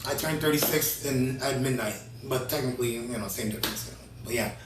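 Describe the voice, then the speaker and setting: A man in his thirties hosting a casual talk show, energetic and rambling, often restarting his sentences. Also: medium pitch, fairly quick, roomy sound, far from the mic, noisy background. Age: 30s. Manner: energetic, rambling, self-correcting. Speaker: host.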